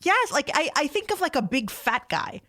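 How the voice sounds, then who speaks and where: A woman's voice: sits high, very animated, moderate pace, sharp tone. A woman co-hosting a casual comedy podcast, chatting and ranting in an emphatic, incredulous, sweary way. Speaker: podcast co-host. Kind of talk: casual comic rant and chat.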